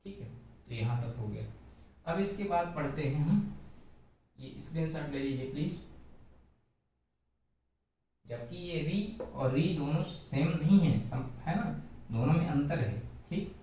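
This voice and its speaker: A man teaching Hindi in a slow classroom explanation, repeating syllables aloud and putting questions to his listeners. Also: fairly high pitch, animated, warm tone, slight background noise. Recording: echoey room, voice from a distance.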